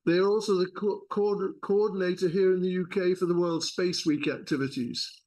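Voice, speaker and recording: A man hosting an event, giving a polite, slightly halting formal introduction of a speaker. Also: high voice, steady tone, darkish tone. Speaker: event host. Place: lecture room.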